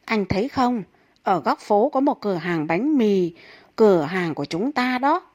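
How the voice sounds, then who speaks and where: A woman's voice: mid-range voice, expressive, measured pace, darkish tone, no echo. Woman voicing rich man's young wife, calculating, coy, matter-of-fact.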